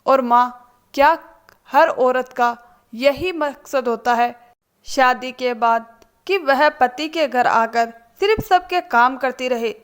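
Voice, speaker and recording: Woman doing a serious grown son reasoning with his mom, slow, fairly high voice. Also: clear, resonant tone. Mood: earnest. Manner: serious, persuasive.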